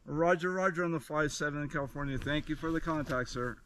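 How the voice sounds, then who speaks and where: A man's voice: on the high side, quick pace, a bit bright. A man working a ham radio call from a summit, reading out call signs in phonetic alphabet and giving signal reports. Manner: crisp call-sign readouts and signal reports. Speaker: amateur radio summit activator. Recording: noisy outdoor recording.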